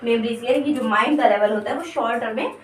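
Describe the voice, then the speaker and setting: A woman teaching an exam-prep lesson, explaining slowly and often checking that her students follow. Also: fairly high pitch, slight background noise. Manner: explains slowly, repeating words and checking understanding with "theek hai". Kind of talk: exam-prep lesson in mixed Hindi and English. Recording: echoey room, voice from a distance.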